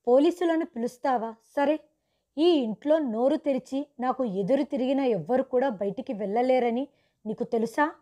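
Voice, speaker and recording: A woman reads the part of a cruel, cold man in a narrated story. He makes slow, quiet threats. The voice is mellow, sits fairly high, and barely changes from the reader's own. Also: close to an everyday voice. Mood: menacing.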